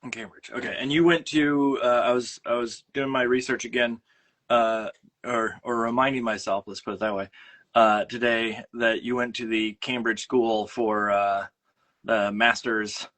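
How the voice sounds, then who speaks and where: A man's voice: mid-range voice, steady tone, moderate pace, fairly bright tone. A man with a Minnesota accent hosting a casual livestream chat from home, rambling with lots of fillers and restarts. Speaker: host. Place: home studio room. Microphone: phone on a mount.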